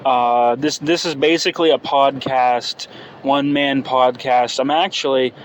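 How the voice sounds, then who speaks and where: A man in his early twenties talks off the cuff in a rambling, hesitant way, as if working out his thoughts aloud. His voice sits at an average male pitch. It is a phone recording made inside a car, with clear noise behind him. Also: steady tone, a little slow, rough recording. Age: early 20s. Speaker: podcast host. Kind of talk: unscripted casual solo podcast monologue. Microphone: phone microphone.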